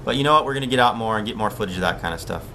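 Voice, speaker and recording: A surf coach from Hawaii hosts a laid-back live-stream Q&A, chatting and reading viewer questions aloud. He talks very fast in a lowish voice, with a little hiss or hum in the recording.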